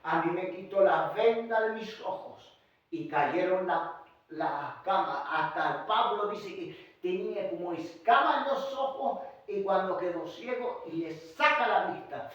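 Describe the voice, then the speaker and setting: A man with a Chilean accent preaching a fervent sermon, swinging from hushed asides to shouted, sung-out lines. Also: high voice, expressive, a little slow, very echoey, distant mic, lo-fi sound. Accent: Chilean Spanish. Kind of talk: Pentecostal-style sermon. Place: church hall.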